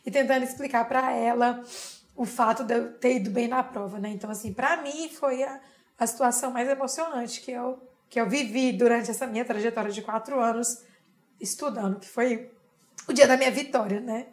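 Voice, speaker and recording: A young Brazilian woman, an interview guest, telling a personal story in a lively way and often adding tag questions. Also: on the high side, brisk. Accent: Brazilian Portuguese.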